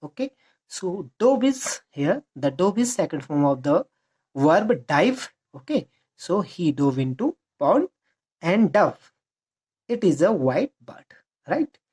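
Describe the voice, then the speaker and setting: A woman with an Indian accent teaching terms for an exam. She drags out English definitions slowly, explains faster in Hindi, repeats key words and asks rhetorical questions. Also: lowish voice, big pitch swings, dark tone, slightly rough. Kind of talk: exam-prep lesson.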